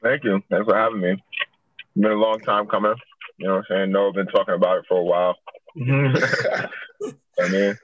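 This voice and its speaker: A man's voice: deep voice, flat delivery, a little fast, long pauses, no room sound. A young man from upstate New York, a basketball player talking as a guest in a casual interview, laid-back and slangy. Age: young adult. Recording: dry, tinny phone-like line.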